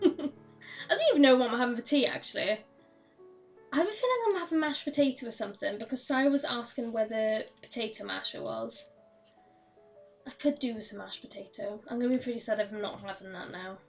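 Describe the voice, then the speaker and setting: A hoarse woman with a fairly high voice rambles happily through a game stream, laughing as she goes. She sits a little back from a dull-sounding mic, with soft game music under her talk. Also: brisk. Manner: chatty, rambling, laughs often. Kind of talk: casual chat while gaming. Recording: dull, slightly distant mic.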